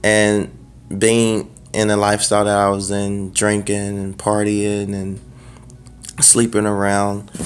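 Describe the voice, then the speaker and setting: A man's voice: fairly low pitch, slight background noise. A young man giving a personal faith testimony in a conversational way, talking straight to his listeners and often laughing. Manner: conversational, addresses the audience directly, laughs often. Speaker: testimony speaker.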